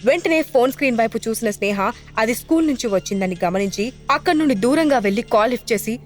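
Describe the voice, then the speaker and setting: Female narrator for a scripted audio drama, fairly high pitch, expressive reading. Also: quick pace, faint music behind. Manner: expressive, even storytelling delivery.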